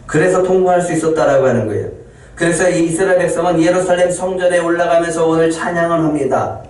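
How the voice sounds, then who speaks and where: Male pastor, fairly high voice, preaching in a very echoey church from a distant mic. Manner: preaching with dramatic pauses and quoted complaints. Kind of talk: sermon. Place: church sanctuary. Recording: loud echo, distant mic in church hall.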